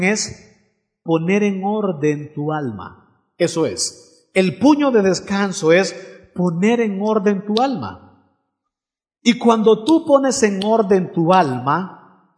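A man delivers a sermon in a high voice, leaning on dramatic pauses and repeated phrases. His voice rings out with a long reverb, as from a large hall. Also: darkish tone. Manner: preaching with dramatic pauses and repetition. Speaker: pastor.

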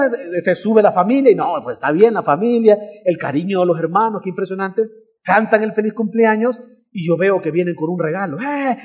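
A man preaching a sermon as pastor, animated and telling a story with acted-out voices. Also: high voice, husky. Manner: animated, acts out voices in anecdotes, shouts at times.

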